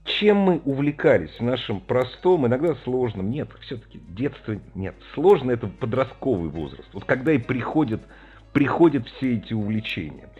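A man's voice: mid-range voice, very animated, moderate pace, a little mellow, husky, lo-fi sound, faint music behind. A man in his fifties hosting a call-in radio show, chatty and jokey as he reminisces with callers. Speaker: radio host.

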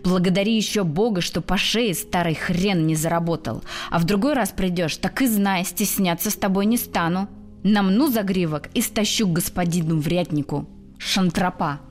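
A woman voicing a gloomy male yard keeper who speaks in a gruff, slow, menacing way. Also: lowish voice, soft background music, natural voice.

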